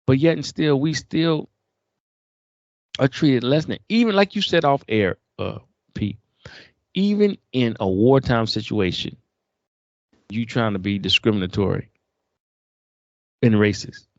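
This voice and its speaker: A man's voice: mid-range voice, lively intonation, measured pace, pauses often, no echo, muffled recording. A man co-hosting a casual discussion, talking emphatically and building to heated peaks. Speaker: podcast co-host.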